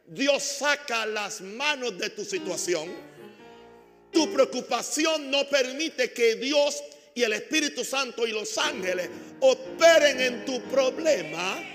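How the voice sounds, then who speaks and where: A man preaching a sermon as a pastor, calling on the congregation to repeat after him and swinging between loud emphatic bursts and quiet asides. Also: very high voice, animated, slow, long reverb tail, faint music behind. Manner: preaching with call-and-response to the congregation.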